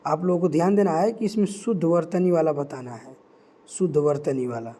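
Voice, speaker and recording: A young man tutoring for an exam, reading out answer options slowly and repeating key words for emphasis. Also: fairly high pitch, warm tone. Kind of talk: quiz-style teaching.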